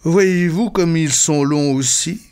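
A man's voice: a little high, slow pace, darkish tone, smooth, voice pushed up. A man voicing a coy young woman who asks teasing questions.

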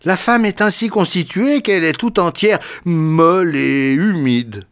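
A man voicing a pompous male lecturer who keeps getting slapped, his voice rising to indignant high shouts. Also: unhurried, smooth.

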